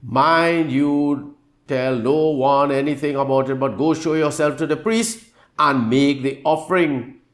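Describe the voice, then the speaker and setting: A man's voice: lowish voice, fairly even intonation, a little slow, darkish tone. A man preacher voicing Jesus as a stern but caring teacher, warning firmly in an everyday voice.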